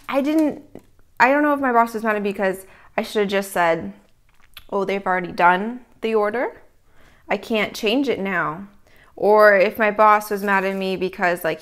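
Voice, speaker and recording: A woman hosting an eating show, telling stories in casual chat and chewing while talking, with savoring hums between phrases. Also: mid-range voice. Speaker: mukbang host.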